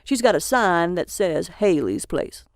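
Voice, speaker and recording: A woman doing a blunt, slow old townsman. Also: lowish voice, lively intonation, no room sound, studio quality. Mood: reluctant directions. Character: weary old small-town man, blunt.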